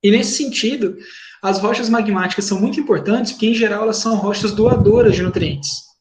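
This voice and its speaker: Teaching an online class from home over a video call, a high-voiced man with a Brazilian Portuguese accent talks fairly quickly and informally, checking on his students. His computer mic picks up room echo and noisy call audio.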